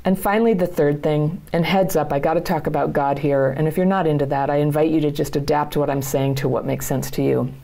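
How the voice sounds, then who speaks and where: A woman's voice: low-pitched, fairly even intonation, a little fast, creaky, few pauses, warm tone. A middle-aged woman hosting her own channel, speaking straight to her viewers as a coach with earnest, plain-spoken encouragement. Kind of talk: direct-to-camera advice talk.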